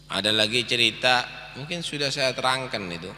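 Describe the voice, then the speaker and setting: A man giving a dawn lecture sermon, telling stories in an animated way and addressing listeners as brothers. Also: mid-range voice, moderate pace, slight background noise. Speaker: preacher. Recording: long hall reverb.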